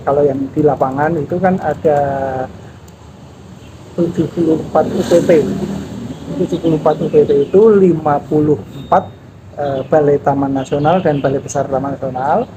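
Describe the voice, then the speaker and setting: Measured man in his fifties, noisy surroundings. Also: fairly high pitch. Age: 50s. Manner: measured, explanatory, pauses with fillers. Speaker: national park office head. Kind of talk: interview answers. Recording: noisy background with passing vehicles.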